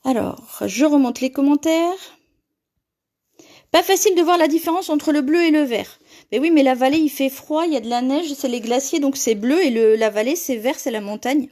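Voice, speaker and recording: A woman's voice: high voice, normal speed, mellow. A woman hosting a live paper-craft tutorial, chatting with viewers and laughing often as she reads their comments.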